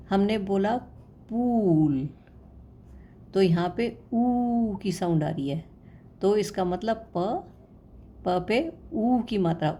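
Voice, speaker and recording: A woman teaching a lesson, explaining patiently, repeating sounds slowly and putting questions to the viewer. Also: lowish voice, dark tone, slight background noise.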